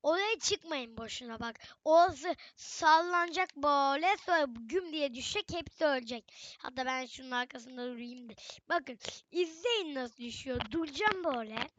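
A woman's voice: sits high, expressive, moderate pace, fairly bright tone, no echo, highs cut off. A young woman giving casual, chatty gameplay commentary, often exclaiming and talking straight to her viewers. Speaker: gaming channel host.

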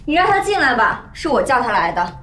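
An actress playing a proud, stubborn young wife who speaks coldly and firmly in a TV drama. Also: female voice, high-pitched, sing-song, fairly quick, background noise. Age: young adult. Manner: cold, firm. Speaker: daughter, wife. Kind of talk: TV drama acting.

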